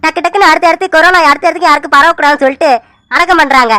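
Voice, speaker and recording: A brisk young messenger man, high and bright in tone, delivering news flatly and rushing people along. The delivery stays matter-of-fact throughout this cartoon. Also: no echo, low-quality recording. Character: young male hospital messenger, brisk and blunt.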